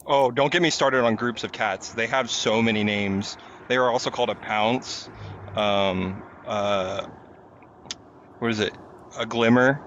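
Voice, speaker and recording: A man's voice: mid-range voice, fairly bright tone, a little hiss or hum. A man chatting casually who rambles with many ums. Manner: rambling, fills pauses with um and uh. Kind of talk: casual chat. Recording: dull, slightly lo-fi mic.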